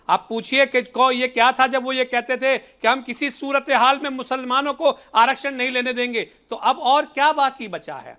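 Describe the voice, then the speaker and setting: A man with a high, bright voice speaks as a party spokesperson on a TV debate. He argues in a measured way and leans on rhetorical questions. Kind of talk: TV debate argument.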